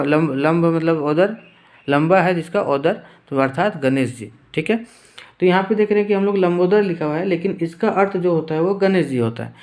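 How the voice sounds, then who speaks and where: A man's voice: a little high, a little mellow. A young man teaching an exam-prep grammar lesson, explaining step by step and checking in with the listener after each point. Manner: explains step by step, repeats terms, says "theek hai" often.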